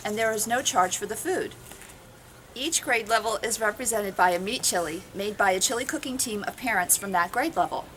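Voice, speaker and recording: A woman's voice: medium pitch, pushed and bright, slight background noise. A woman co-chairing a school fundraiser, reading a scripted, upbeat announcement. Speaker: event co-chair.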